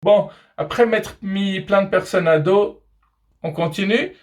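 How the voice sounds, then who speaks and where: A man's voice: high voice, a little slow. A man hosting a comedy video, joking his way through pictures with playful, teasing asides to viewers.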